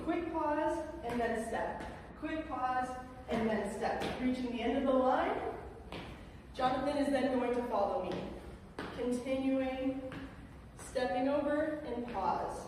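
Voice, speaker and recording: A woman exercise instructor with a high voice coaches at a slow pace, calling out counts and directions with encouragement. She is heard at a distance from the microphone in a very echoey room. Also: a little mellow. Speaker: exercise instructor leading gait training. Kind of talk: instructional exercise class with called-out commands. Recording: echoey reverberant room, distant mic, faint noise.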